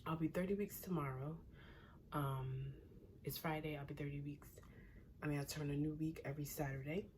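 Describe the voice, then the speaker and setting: A woman's voice: low-pitched, steady tone, fairly quick, a little mellow, slight background noise. A young adult woman who is pregnant, chatting casually and rambling in a vlog, a little short of breath, sometimes dropping to a near whisper. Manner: chatty, rambling, laughs often, drops to a near whisper at times. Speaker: pregnancy vlogger.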